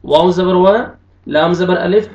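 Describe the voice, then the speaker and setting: Slow, high-voiced male Quran teacher. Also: steady tone, darkish tone. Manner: slow syllable-by-syllable spelling with drawn-out recited words. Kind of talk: spelling out Quranic recitation lesson. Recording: echoey, distant, dull lo-fi room sound.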